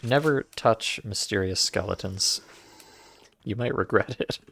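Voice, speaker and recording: A man's voice: lowish voice, measured pace, vocal fry, fairly bright tone, a little hiss or hum. A man streaming a game, giving casual, joking commentary with wry asides and frequent laughter. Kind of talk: let's-play commentary.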